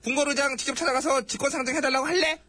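A woman's voice: high-pitched, fairly even intonation, very fast, pushed and bright, dry recording. A woman playing a petulant, short-tempered, self-important king in a satirical comedy sketch, scolding and whining sarcastically. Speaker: podcast comedy host.

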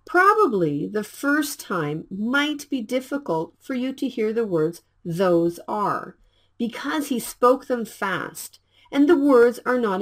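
Woman English teacher, slow and deliberate, clear lesson delivery with an animated, slightly high voice. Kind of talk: scripted language lesson.

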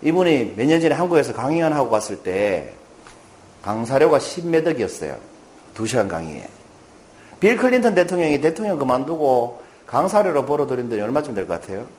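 A man giving a motivational lecture to a live audience, telling stories and asking the listeners questions in an animated way. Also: medium pitch, brisk.

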